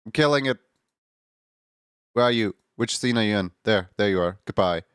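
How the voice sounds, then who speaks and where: A man's voice: on the low side, moderate pace, a bit bright, clean tone, no room sound, studio quality. A man streaming live, chatting casually with his viewers in a stuffy morning voice, rambling and laughing often. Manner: rambling, laughs often, greets chat members by name. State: congested morning voice.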